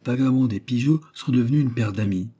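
A man narrating a classic novel in a steady, measured reading. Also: medium pitch, husky. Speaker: audiobook narrator.

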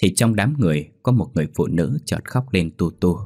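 A man narrates a ghost story in a steady, dramatic way, his voice deep and husky. The recording is dry and close, with faint music playing underneath. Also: brisk, dry recording.

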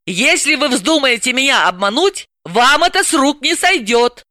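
A woman's voice: high-pitched, animated, moderate pace, pushed and bright, dry recording, clean studio sound, voice pushed up. A woman reader voicing an indignant, ironic female psychoanalyst. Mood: wary. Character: exasperated sharp-tongued woman psychoanalyst.

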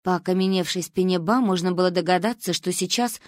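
A woman narrating an audiobook in a playful, animated storytelling manner. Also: on the low side, brisk, no room sound, studio quality.

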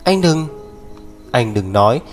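Một người đàn ông đọc truyện, lồng tiếng một cô gái trẻ hiền lành, nói nhỏ nhẹ và khẩn khoản. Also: male voice, mid-range voice, sing-song, slow, soft background music. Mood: soft. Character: gentle young woman, soft-spoken and shy.

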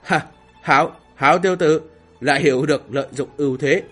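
A man putting on a slow, gloating old fire master. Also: fairly high pitch, fairly bright tone, faint music behind. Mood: gleeful. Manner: slow, drawn-out mocking laughter. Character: boastful old male fire cultivator, playful, taunting. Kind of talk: audiobook character voicing.

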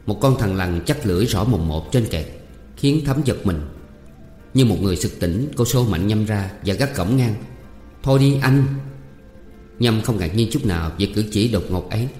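A man's voice: on the low side, lively intonation, moderate pace, dark tone. Man narrating a story in a reverberant room. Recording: roomy reverb, faint music.

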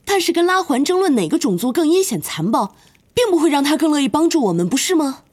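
A woman's voice: high-pitched, sing-song, fast talker, a little mellow. A woman voicing a clever, earnest teenage witch who talks in a reasoned, insistent way. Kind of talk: audiobook character voice.

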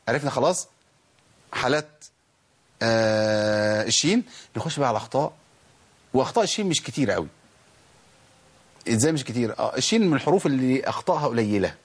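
A man with an Egyptian accent teaching Quran recitation. He asks questions and answers them himself, and stretches out letters slowly to demonstrate how they are pronounced. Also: medium pitch, breathy edge. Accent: Egyptian Arabic. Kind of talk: recorded recitation lesson.

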